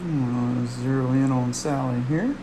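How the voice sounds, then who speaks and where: A man's voice: medium pitch, steady tone, normal speed, background noise. A man giving casual live weather commentary as a streamer, repeating phrases for emphasis.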